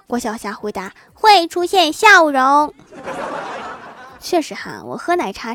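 Woman podcast host, fairly high voice, animated joke reader who laughs at her own punchlines. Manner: animated delivery with punchy raised lines. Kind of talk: reading jokes on a comedy podcast.

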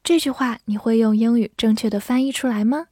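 A woman teaching English vocabulary in a clear, patient way, spelling out words and reading model sentences slowly. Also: on the high side, mellow, dry recording, clean studio sound. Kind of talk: vocabulary lesson.

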